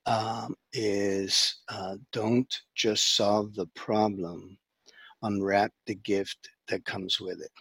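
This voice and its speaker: A middle-aged man raised in the Dominican Republic, a therapist talking as a guest in a conversational interview, halting with many fillers and restarts. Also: lowish voice, flat delivery, creaky, a bit bright, breathy edge, dry recording.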